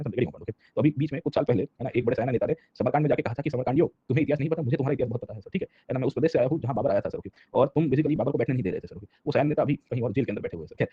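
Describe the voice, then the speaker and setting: A man teaching an exam-prep history lecture, switching between Hindi and English and often pausing to check that students follow. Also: mid-range voice, husky, dull audio. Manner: mixes Hindi and English, keeps checking in with listeners.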